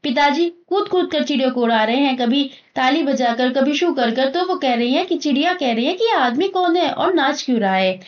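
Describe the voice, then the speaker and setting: Woman schoolteacher, high-pitched, reads aloud and explains in simple terms, dull lo-fi sound. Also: expressive, normal speed, hardly any pauses. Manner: explains each passage in plain, simple terms. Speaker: teacher. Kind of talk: reading and explaining a story in a school lesson. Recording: muffled lo-fi recording.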